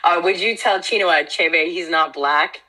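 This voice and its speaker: Woman, low voice, bright and forceful, blunt casual podcast chat, played through laptop speakers and re-recorded by laptop mic. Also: normal speed, low-quality recording. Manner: blunt, frank and laughing. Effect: voice played through laptop speakers from earbuds and re-recorded by a laptop mic. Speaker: podcast co-host.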